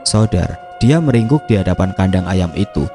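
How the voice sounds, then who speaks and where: A man narrating a scripted horror story in a steady, measured reading. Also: low voice, music in the background.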